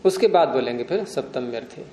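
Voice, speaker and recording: A man's voice: mid-range voice, lively intonation, a little fast, dark tone, roomy sound, a little hiss or hum. A man teaching Sanskrit grammar in a classroom lecture, patiently explaining and quizzing his students.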